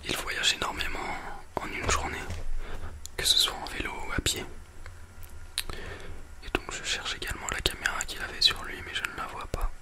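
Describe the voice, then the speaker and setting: A book and a film get presented in a gentle, breathy library whisper by an ASMR host near a binaural mic. The pace is moderate, with long pauses between phrases.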